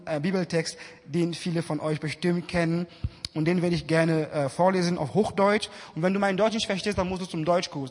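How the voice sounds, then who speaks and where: A man from Cameroon preaching a lively sermon at a church service, acting out the voices he quotes and adding humorous asides. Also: high-pitched. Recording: long reverb of a church hall.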